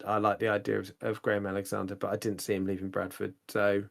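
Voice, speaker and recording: A man's voice: fairly low pitch, completely flat delivery, fast talker, vocal fry. A man co-hosting a fan podcast, talking casually and hesitantly with lots of restarts. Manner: hesitant, many fillers and restarts, laughs easily. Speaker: podcast co-host.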